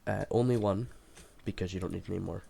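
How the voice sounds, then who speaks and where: Fast and warm, this low male voice keeps a fairly even intonation as he hesitantly thinks through a game build for a video tutorial. He sounds sick, and the delivery is informal. Mouse clicks, keys, and clear background noise are audible throughout.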